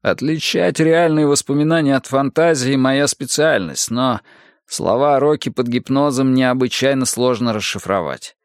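A man's voice: mid-range voice, moderate pace, clear, resonant tone, dry recording, studio quality, voice pushed up, lightly acted. A man doing a shaken psychiatrist. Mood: tense. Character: shaken middle-aged male psychiatrist.

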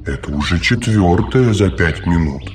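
Male reader playing a smothering robot caretaker, very low voice, preachy, audiobook. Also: lively intonation, normal speed, a little mellow, faint music behind. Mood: fussy. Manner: solicitous, lecturing, talks too much. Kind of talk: audiobook reading.

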